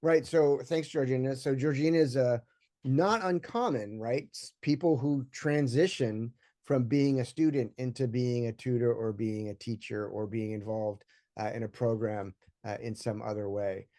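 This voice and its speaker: A man moderating a panel discussion, talking in a relaxed, conversational way with many fillers. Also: medium pitch, moderate pace.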